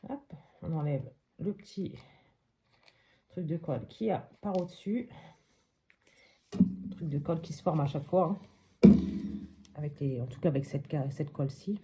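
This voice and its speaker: A woman's voice: low voice, moderate pace, pauses often, mellow, slight background noise. A woman hosting a casual step-by-step crafting tutorial at her craft table at home, chatting and thinking aloud with many little hops and voilàs.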